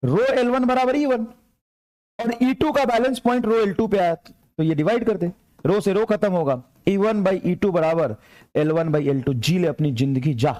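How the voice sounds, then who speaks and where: Male physics tutor, high-pitched, energetic, repeats phrases to push students along. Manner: energetic, repetitive urging, slow dictation of English problems. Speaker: physics teacher. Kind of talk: lively classroom lecture.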